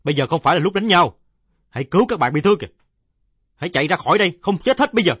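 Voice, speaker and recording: A man voicing someone in the crowd who shouts urgent orders during a bombing. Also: high voice, expressive, very fast, husky, no room sound, studio quality, voice pushed up, exaggerated voice. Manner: shouting, commanding.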